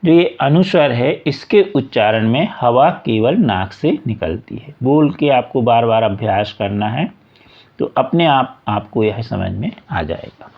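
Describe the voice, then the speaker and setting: A man's voice: mid-range voice, expressive. A man teaching a school workbook lesson, reading a passage aloud and then going through example words one at a time, patiently. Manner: slow, patient, repeats examples word by word. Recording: dull lo-fi recording.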